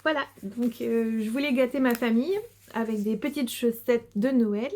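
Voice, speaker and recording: Chatty higher-voiced woman crafter. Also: normal speed, darkish tone. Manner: chatty, hesitant with many fillers, giggly. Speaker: knitting and sewing podcaster. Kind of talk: casual video chat showing crafts.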